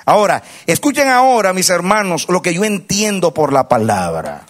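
A pastor preaching a sermon, leading the congregation in call-and-response and swinging from low murmurs to loud exhortation. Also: male voice, very animated, moderate pace.

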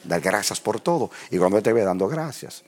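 A man preaching a sermon, telling stories in an animated way that swings from quiet asides to shouting before a congregation. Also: on the low side, fairly quick.

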